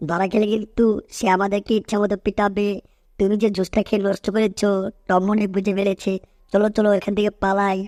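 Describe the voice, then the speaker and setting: A woman's voice: mid-range voice, flat delivery, fairly quick, darkish tone, no room sound, studio quality, natural voice. Jerry, a woman playing a cheeky cartoon mouse. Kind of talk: cartoon dub acting.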